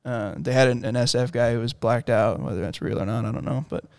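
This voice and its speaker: A man's voice: medium pitch, fast talker, creaky, no echo, studio quality. A man in casual chat, telling long rambling stories with lots of fillers. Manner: rambling storyteller with many fillers.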